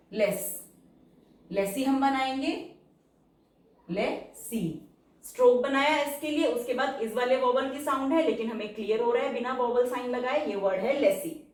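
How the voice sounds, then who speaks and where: A woman teaching shorthand step by step, patiently checking that each word is clear. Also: on the high side, a little mellow, distant mic. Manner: slow, patient, checks understanding. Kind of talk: step-by-step lesson explanation. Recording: echoey room, voice away from mic.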